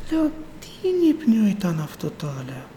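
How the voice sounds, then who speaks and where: A man's voice: sits high, huge pitch swings, mellow, a little hiss or hum. A middle-aged man giving a rambling personal faith testimony at church, repeating "I say" again and again as he retells. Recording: echoey hall with long reverb.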